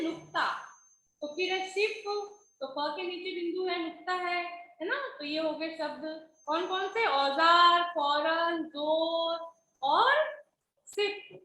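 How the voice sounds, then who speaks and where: A woman's voice: very high voice, sharp tone, echoey room, a little hiss or hum, poor audio. A woman teacher explaining a Hindi lesson patiently, often checking that her pupils follow. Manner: patient, keeps checking with "है ना?" and "ठीक है?".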